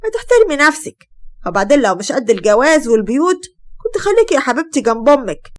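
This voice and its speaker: A woman's voice: high-pitched, sing-song, fast. A woman doing a bossy scolding Egyptian mother-in-law. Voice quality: sharp, scolding.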